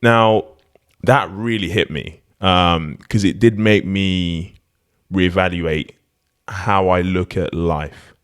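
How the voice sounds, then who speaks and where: A man's voice: sits low, slow, few pauses, fairly bright tone, clear, resonant tone. A man hosting a casual podcast conversation who rambles, corrects himself and laughs often.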